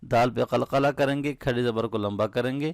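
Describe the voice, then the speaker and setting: A man teaching recitation step by step. He chants each verse slowly and melodically, then explains the rules quickly in a lower voice, often checking in with the listener. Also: vocal fry, smooth, dry recording, clean studio sound.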